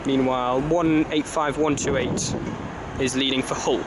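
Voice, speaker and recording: A man's voice: medium pitch, steady tone, moderate pace. A man giving matter-of-fact trainspotting vlog commentary at a railway station. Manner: matter-of-fact, reading out unit numbers. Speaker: trainspotting video host. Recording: loud station and train noise.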